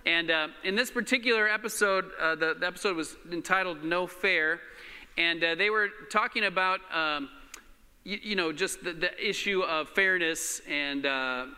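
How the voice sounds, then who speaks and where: A man's voice: high voice, clean tone. Man preaching into a pulpit microphone. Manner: relaxed, halting, with many fillers. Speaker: pastor. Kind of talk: sermon. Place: church hall. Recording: reverberant church hall.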